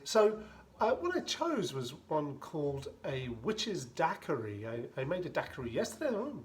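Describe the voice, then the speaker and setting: Fairly high-pitched and sing-song at a normal speed, a home bartender chats casually while mixing and shaking a cocktail. He explains his process with rambling digressions and a dry sense of humor.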